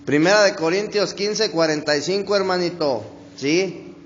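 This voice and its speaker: Slow, high-voiced man preaching in an echoey hall. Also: lo-fi sound, slight background noise. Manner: conversational preaching, often adds "brother" and "¿sí?"; slow, drawn-out stresses on key words. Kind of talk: sermon. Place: church hall.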